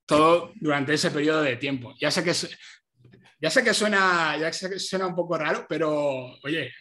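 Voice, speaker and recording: A man, a teacher telling stories as a guest in an interview, lively and laughing often. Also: on the high side, normal speed. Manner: animated, laughs often, many restarts. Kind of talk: casual storytelling in an interview. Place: home.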